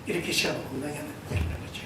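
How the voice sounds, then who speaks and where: A middle-aged male pastor giving a Sunday sermon, telling stories and addressing the congregation directly. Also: quick pace. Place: church sanctuary. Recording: echoey church hall, voice from far off, room noise.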